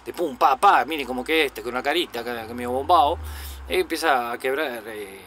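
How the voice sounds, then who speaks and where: A man's voice: medium pitch, moderate pace, sharp tone, a little hiss or hum. A man casually recapping a movie in a loose, slangy way. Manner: chatty, loose retelling with slang asides and fillers. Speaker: film commentator.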